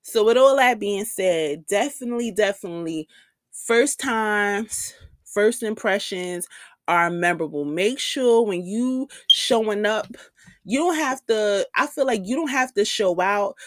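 A young woman chats candidly into a podcast mic, sassy and full of slang as she talks straight to her listeners. Her voice sits at an ordinary middle pitch, and the sound is dry and close with no room around it. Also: no room sound. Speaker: podcast host. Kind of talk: casual storytelling monologue.

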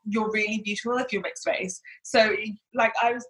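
On a rough recording, a woman with a mid-range, steady and a bit bright voice talks at a moderate pace. A body confidence coach who grew up in Hong Kong, she is a guest in a casual interview, chatting away with many fillers.

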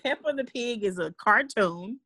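A woman's voice: fairly high pitch, animated, unhurried, bright, forceful tone. A woman co-hosting a podcast in casual chat, slangy and laughing often. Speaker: podcast co-host.

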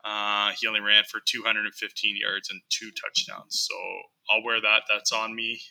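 A young man co-hosting a casual sports podcast, speaking in a halting, deadpan way full of ums and restarts. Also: on the low side, gravelly, poor audio. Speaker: podcast co-host.

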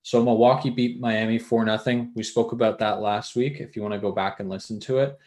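A man's voice: medium pitch, fairly even intonation, fairly quick, darkish tone. A man hosting a casual sports podcast, easygoing and jokey, steering the talk with questions to his co-host.

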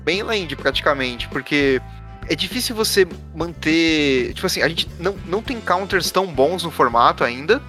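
A man's voice: on the high side, lively intonation, normal speed, bright, forceful tone, faint music behind. A man with a Brazilian accent and a slight tongue-tied lisp, explaining a card game in casual, slangy talk. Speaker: podcast panelist.

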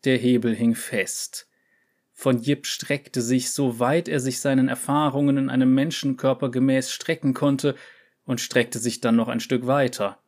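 A man narrating a short story aloud in a calm, measured way. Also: mid-range voice.

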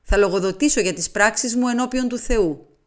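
A woman's voice: fairly high pitch, lightly acted. A woman reading aloud, voicing a dying elderly French noblewoman who speaks firmly and with dignity. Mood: solemn. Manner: firm, dignified confession.

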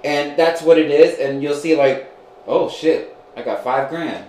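Young male podcast host, gossipy and joking, higher voice, roomy sound with faint noise. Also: a little slow, darkish tone. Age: 20s. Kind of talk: casual chat.

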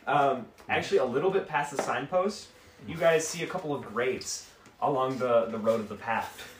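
A man's voice: mid-range voice, moderate pace. A man narrating as game master in a tabletop game, rambling and correcting himself as he describes the scene. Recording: echoey room, distant mic, faint noise.

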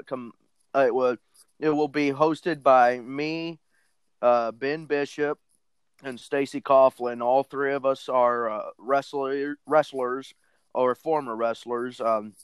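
A man's voice: mid-range voice, clear, resonant tone, dry recording, low-quality recording. A man chatting casually on a group call, rambling with many fillers and restarts. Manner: rambling, filler-heavy, self-correcting. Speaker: podcast co-host guest.

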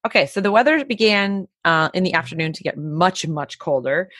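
Casual woman co-host, low voice, dry close sound, rambling storyteller. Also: expressive, normal speed, a bit bright, dry recording. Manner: chatty storyteller, many fillers. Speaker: podcast co-host. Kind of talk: casual chat.

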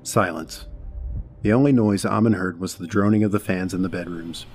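Low-voiced man narrating a horror story. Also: a little mellow, soft background music. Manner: measured, dramatic storytelling.

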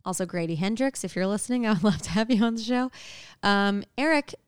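Chatty woman podcast host, smooth voice. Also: medium pitch, fairly quick, no room sound, studio quality. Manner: chatty, teasing, enthusiastic about books. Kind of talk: casual podcast chat.

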